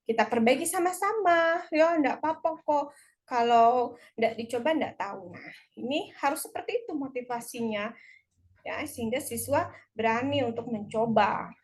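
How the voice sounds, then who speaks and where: A lecturer in language teacher education, a woman with an Indonesian accent and a fairly high-pitched voice, delivers an explanatory lecture. She is didactic yet conversational and encouraging like a teacher, slips in short example quotes, and often tags her points with "ya".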